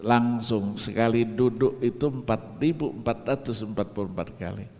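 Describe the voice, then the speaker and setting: Older Indonesian preacher in a reverberant mosque. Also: male voice, moderate pace. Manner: storytelling, animated pitch jumps, acts out dialogue. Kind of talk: sermon. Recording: long hall reverb in mosque.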